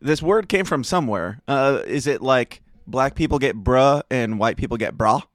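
A man's voice: medium pitch, expressive, moderate pace, no echo. Jokey man co-hosting a news podcast. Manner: laughs often, jokey banter. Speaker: podcast co-host. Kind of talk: casual news chat.

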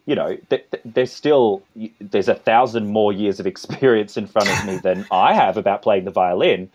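Australian guy, low voice, talks in loops with lots of restarts, kinda dull lo-fi audio. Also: moderate pace, darkish tone. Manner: rambling, many restarts and asides. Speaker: composer and conductor guest. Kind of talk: conversational interview.

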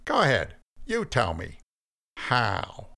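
A man's voice: mid-range voice, wildly swooping pitch, takes it slowly, vocal fry, sharp tone, voice pushed up, heavily acted. A man voicing Cain, a resentful and stubborn young man, speaking with heated sarcasm in a storybook reading. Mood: skeptical, mocking.

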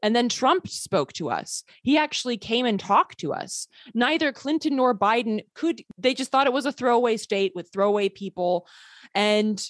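A woman's voice: a little high, lively intonation, normal speed, dry recording, clean studio sound. A woman partly raised in Sweden, speaking as an interview guest in a passionate, sarcastic way. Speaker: guest, filmmaker. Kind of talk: political interview.

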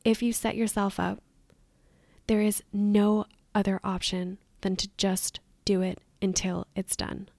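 A woman coaching her podcast listeners in an upbeat, encouraging monologue. Her voice has a gravelly, fry-edged texture. It sits close and dry on the mic with no room around it. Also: medium pitch, little pitch movement, measured pace, a little mellow, dry recording. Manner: upbeat and encouraging, with light laughs. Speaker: podcast host and weight loss coach.

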